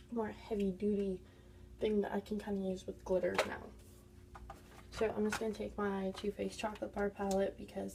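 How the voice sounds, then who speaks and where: A woman's voice: mid-range voice, creaky, mellow, distant mic, slight background noise. A woman doing a casual makeup tutorial, chatty and congested, explaining each step as she goes. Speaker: beauty vlogger.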